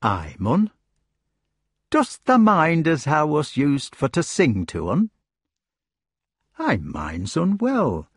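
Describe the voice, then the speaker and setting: A man's voice: fairly high pitch, huge pitch swings, slow pace, pauses often, husky, dry recording, clean studio sound, voice pushed up, full character voice. A man voicing a humble, shy male hedgehog in a storybook, speaking in a broad West Country rustic dialect with earnest eagerness.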